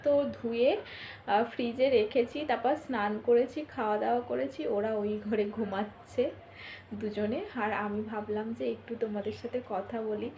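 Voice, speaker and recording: A woman's voice: on the high side, steady tone, normal speed, slight background noise. A young woman, chatting casually and rambling through her day in a home vlog, full of fillers. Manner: talks softly while others sleep. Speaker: vlogger. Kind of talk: casual daily-life vlog chat.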